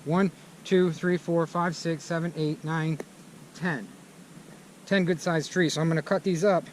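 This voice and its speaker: A man casually narrating a vlog outdoors, excited and chatty as he walks around his cleared lot. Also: measured pace, low-quality recording. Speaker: vlogger. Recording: outdoor noise and vehicle rumble. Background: bulldozer engine.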